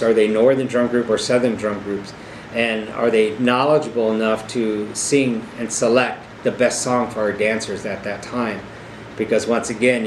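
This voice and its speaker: An older man speaks in a fairly low voice, giving an earnest, informal educational talk. He explains as an experienced arena director, returning to emphatic phrases. The room rings with echo, and a steady noise sits clearly behind him. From South Dakota, United States. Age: middle-aged or older. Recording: echoey room with clear steady background hum.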